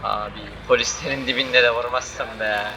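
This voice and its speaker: A young man giving loud, joking commentary while playing a game, swearing and shouting at the characters on screen. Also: medium pitch, fairly even intonation, normal speed, vocal fry, background noise. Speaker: gaming YouTuber. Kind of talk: casual gameplay commentary.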